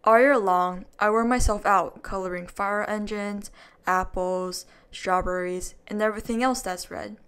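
Woman voicing an overworked red crayon, American accent, smooth clear voice, storybook reading. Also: mid-range voice, steady tone, fairly bright tone, natural voice. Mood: weary complaint. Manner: slow, clear read-aloud of a children's picture book.

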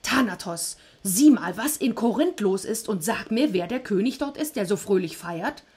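A woman voicing a mighty, quick-tempered male king of the gods who speaks in a commanding way. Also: medium pitch, lively intonation, breathy edge. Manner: commanding, growing loud.

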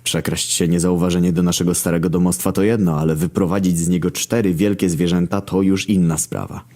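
Brief: very deep male narrator, dry and foul-mouthed storytelling. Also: fairly quick. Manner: deadpan, heavily profane. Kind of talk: first-person story narration.

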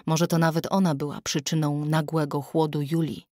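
A woman narrating an audiobook in a steady, even storytelling voice, recorded close on a studio mic. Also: low-pitched, normal speed, dry recording. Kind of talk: scripted narration.

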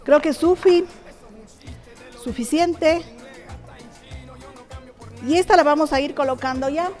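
High-voiced woman teaching cooking. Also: slow, a little mellow, soft background music. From Ecuador. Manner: chatty, explains technique step by step, addresses viewers directly. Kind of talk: cooking show demonstration. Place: TV studio kitchen.

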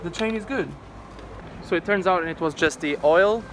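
A man's voice: high-pitched, moderate pace. Chatty male vlogger over street noise. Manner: chatty, thinking aloud. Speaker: travel vlogger. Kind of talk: casual vlog talk to camera. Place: outdoors on rural roads and by a waterfall. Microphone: phone at arm's length. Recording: loud traffic and outdoor noise.

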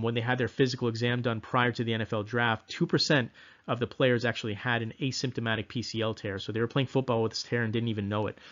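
A man's voice: medium pitch, lo-fi sound. A man giving a casual, self-deprecating exam-prep lecture, repeating mnemonics with frequent ums. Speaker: exam review instructor.

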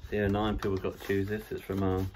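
A man's voice: deep voice, completely flat delivery, fast talker, a little mellow, slight background noise. A man reviewing pipe tobacco in a casual, musing way, talking with a pipe clenched in his mouth. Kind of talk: casual tasting commentary.

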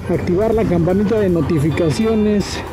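A man's voice: sits high, moderate pace, poor audio. A man with a Mexican accent chatting casually and loosely while riding a motorcycle through city streets, full of fillers. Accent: Mexican Spanish. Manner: relaxed, chatty, with many fillers. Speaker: motovlogger. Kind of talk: casual motovlog narration. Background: loud background music.

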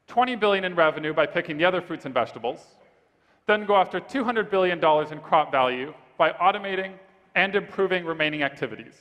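A man pitching his startup on stage, then answering judges' questions in a steady, rehearsed way. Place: large event hall stage. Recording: reverberant conference hall.

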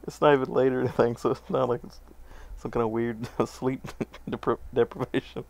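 A woman's voice: extremely low pitch, flat delivery, brisk, gravelly, darkish tone, lo-fi sound. A woman streaming an online game with a friend, laughing a lot and swearing freely in casual chat. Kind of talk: casual chat while gaming.

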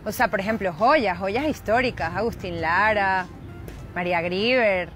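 A woman from Venezuela with a Caracas accent, a singer and singing teacher, answering questions in a street interview in an animated, laughing way. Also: medium pitch, measured pace, soft background music. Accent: Caracas Venezuelan Spanish.

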